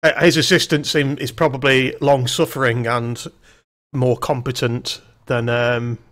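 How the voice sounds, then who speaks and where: A man's voice: medium pitch, little pitch movement, a little slow, fairly bright tone. A man streaming a game, reading the on-screen text aloud and adding wry, jokey asides in a casual let's-play style.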